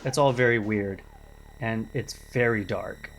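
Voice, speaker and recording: A man's voice: fairly low pitch, a little slow. A man hosting a gaming video, narrating a casual video essay and explaining things step by step with conversational asides.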